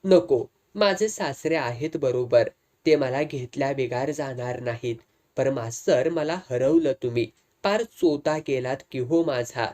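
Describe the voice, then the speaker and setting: A young village woman speaking softly and slowly in rural dialect, put on by a male storyteller. She sounds earnest. She is part of a told comic story. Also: medium pitch, natural voice. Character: young village woman, proud then humbled.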